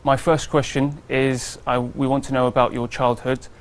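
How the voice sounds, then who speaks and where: A man's voice: medium pitch, flat delivery, normal speed. A man hosting an interview, reading a formal introduction and putting questions to his guest. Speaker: interviewer host.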